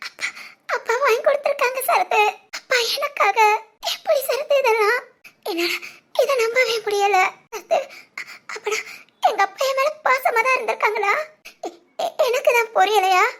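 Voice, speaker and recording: A woman's voice: extremely high pitch, brisk, fairly bright tone. A woman voicing a tender, tearful young woman in a cartoon family drama, her voice breaking between laughter and crying. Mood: tearful joy.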